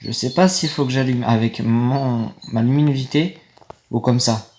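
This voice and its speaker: A young man who makes gaming videos rambles casually to viewers while playing a game on his phone, getting easily annoyed along the way. His slightly mellow voice is medium-pitched and moderately paced, with slight background noise.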